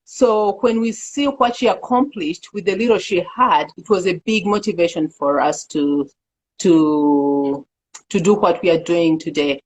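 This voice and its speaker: A middle-aged woman from Uganda, a guest in an interview, speaking earnestly and haltingly with many fillers. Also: lowish voice, slight background noise, poor audio. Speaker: executive director, interview guest. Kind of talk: casual interview talk.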